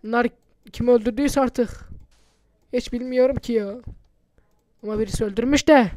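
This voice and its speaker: High voiced guy youtuber muttering thru a game, swears a lot, dry close sound. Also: normal speed, darkish tone, dry recording. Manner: chatty, mutters to himself, swears often. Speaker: gaming YouTuber. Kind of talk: casual gameplay commentary.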